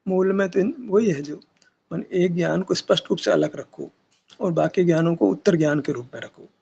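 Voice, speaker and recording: Gravelly, husky man giving a spiritual discourse. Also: high voice, normal speed, warm tone. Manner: argumentative, rhetorical questions, colloquial asides. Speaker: spiritual teacher. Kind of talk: discourse at a meditation session. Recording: dull lo-fi recording.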